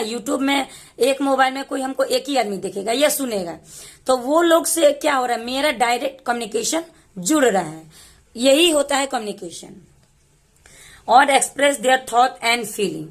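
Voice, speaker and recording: A woman teaching English who reads phrases slowly and explains each word in Hindi. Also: high-pitched, a bit bright. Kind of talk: slow explanatory lesson.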